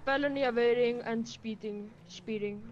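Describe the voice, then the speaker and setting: A woman's voice: a little high, steady tone, normal speed, darkish tone, a little hiss or hum. A woman improvising as a police officer in an online game roleplay over voice chat. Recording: slightly muffled online voice chat.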